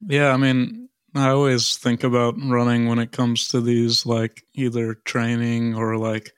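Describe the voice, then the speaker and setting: A man's voice: medium pitch, level tone, measured pace, clean tone, dry recording, studio quality. A young man co-hosting a podcast, chatting casually in a millennial way peppered with "like". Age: young adult. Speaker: podcast co-host. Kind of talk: casual chat.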